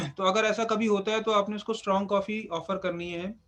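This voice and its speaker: Man lecturing, high pitch, instructive, repeats himself for emphasis. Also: steady tone, moderate pace, a bit bright. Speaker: acupuncture teacher. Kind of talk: live class lecture.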